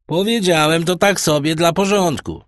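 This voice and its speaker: A man's voice: a little high, normal speed, dry recording, pitched above the performer's own voice, natural voice. A man voicing a blunt, simple young sailor who speaks frankly and eagerly.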